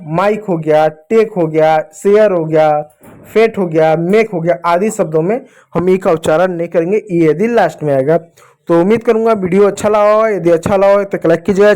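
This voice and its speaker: A man teaching English reading to children, asking and answering his own questions and spelling out letters slowly. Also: sits high, darkish tone. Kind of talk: spoken phonics lesson for children.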